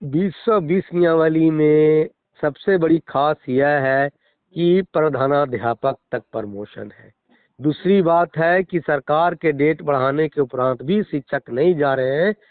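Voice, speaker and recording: This is a middle-aged Bihari-accented schoolteacher being interviewed by phone, arguing his point formally and with emphasis. His slightly high voice is smooth and a little slow, and the recording is dry, carried on a narrow, tinny phone line.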